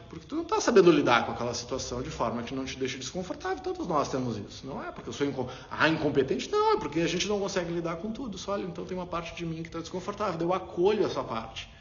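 A man explaining ideas in a casual, animated way, acting out little inner dialogues as he talks. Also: on the high side, quick pace, a little hiss or hum. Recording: roomy, dull lo-fi sound.

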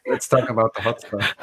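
A man's voice: lowish voice, a bit bright, breathy edge. A man, a podcast guest talking casually with many fillers and dry humor over a video call. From Austria.

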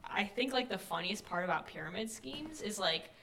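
A woman's voice: mid-range voice, expressive, normal speed, bright, forceful tone, a little hiss or hum, rough recording. A young woman co-hosting a casual podcast, chatty and peppered with "like" and swearing. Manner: chatty, heavy use of "like", swears freely. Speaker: podcast co-host. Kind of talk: casual chat.

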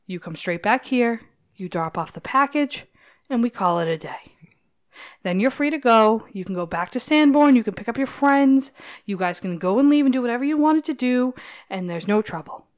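A woman's voice: on the high side, expressive, normal speed, lightly acted. A woman voicing a firm male gang boss who lays down orders. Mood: stern. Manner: firm, commanding.

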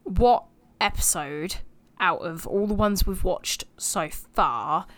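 A woman's voice: lowish voice, takes it slowly, dry recording. A woman co-hosting a podcast, chatting expressively in a casual review of TV episodes. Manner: chatty, expressive, laughs easily. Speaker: podcast co-host.

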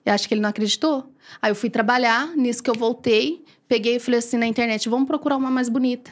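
A Brazilian woman telling a personal faith story as a podcast guest, animated and acting out quoted dialogue. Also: fairly high pitch, quick pace. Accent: Brazilian Portuguese.

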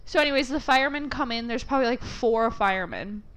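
A young woman telling a story in casual chat, animated, laughing often and swearing freely. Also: on the high side, quick pace.

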